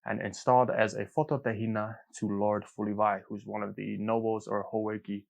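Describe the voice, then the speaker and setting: Upbeat young man with a low voice. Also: flat delivery, normal speed, gravelly, darkish tone. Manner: upbeat, joking, with slang. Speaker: podcast co-host. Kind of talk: casual podcast chat.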